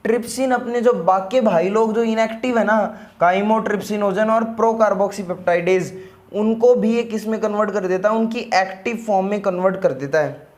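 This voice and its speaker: A male teacher giving a casual lecture, talking to the student like a friend and often checking in with quick questions. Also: sits high, darkish tone. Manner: familiar, addresses the student as a buddy, checks in with "yes or no".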